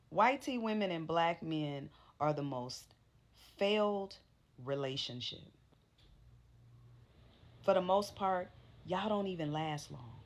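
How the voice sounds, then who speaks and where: A woman's voice: on the low side, lively intonation, slow pace, long pauses. A woman giving reaction commentary in a wry, teasing and pointed way.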